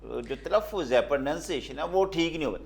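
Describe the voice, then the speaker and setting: A man's voice: a little high, lively intonation. A man as a Pakistani talk show host. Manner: conversational, anecdotal, frequent affirmations. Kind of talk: interviewer questions.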